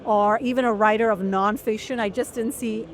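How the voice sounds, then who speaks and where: A middle-aged woman from Malaysia with a somewhat high voice tells her story. She speaks in an articulate, measured way, as a guest in a long-form interview. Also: fairly even intonation. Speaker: guest journalist.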